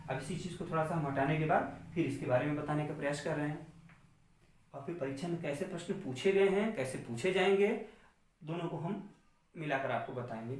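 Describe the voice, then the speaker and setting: A man's voice: a little high, slight background noise. A man teaching an exam-prep lesson, explaining step by step and answering his own questions. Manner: explains step by step, asks the class questions then answers them himself. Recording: echoey room, distant mic.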